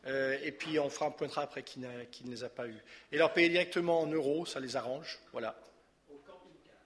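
A man's voice: medium pitch, brisk, fairly bright tone. A man, leading a church service, giving announcements and a blessing in a conversational, hesitant way with many fillers. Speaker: pastor. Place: church hall.

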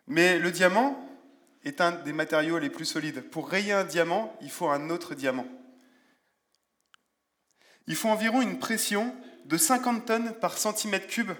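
Man, preacher, sermon in church, conversational, self-mocking humor, reads Bible verses, fairly high voice. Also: fairly bright tone.

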